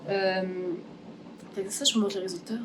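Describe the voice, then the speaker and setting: With music playing in her art workshop and background noise present, a woman with a Québécois French accent hosts a casual vlog about making her crafts. Her medium-pitched voice is fairly even in intonation and normal in speed as she explains her steps informally, thinks aloud, and sprinkles in English words.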